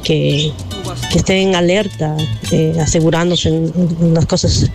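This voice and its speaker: A woman's voice: low-pitched, steady tone, unhurried, over music. A Peruvian woman calling in to a radio show, speaking earnestly with a warning for listeners. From Peru. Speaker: caller. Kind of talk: call-in message.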